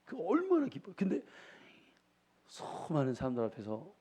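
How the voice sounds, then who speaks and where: Middle-aged man, pastor, folksy sermon with questions to the flock, slightly high voice. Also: wildly swooping pitch, moderate pace, dark tone, slightly rough. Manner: folksy storytelling, asks the congregation questions.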